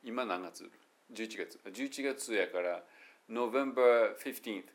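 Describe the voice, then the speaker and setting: Man, Kansai accent, low gravelly voice, casual English pronunciation teacher, chatty and self-mocking. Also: slow, a bit bright. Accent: Kansai Japanese. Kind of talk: casual solo lesson talk.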